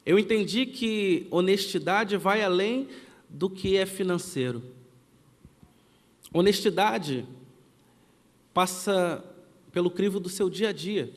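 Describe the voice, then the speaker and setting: A Brazilian man preaching from the pulpit, his voice sitting high for a man. He tells stories and slips into the voices of the people in them. Long reverb rings around him in the church. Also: slow, pauses often. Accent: Brazilian Portuguese. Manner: storytelling, acts out quoted family dialogue. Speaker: pastor. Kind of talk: sermon with personal storytelling.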